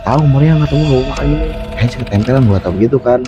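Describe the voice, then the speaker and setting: A man's voice: medium pitch, racing, over music. A man, telling a true horror story in casual chat and acting out the quotes with laughter. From Jakarta. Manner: animated, acts out quotes, laughs often. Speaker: storyteller guest.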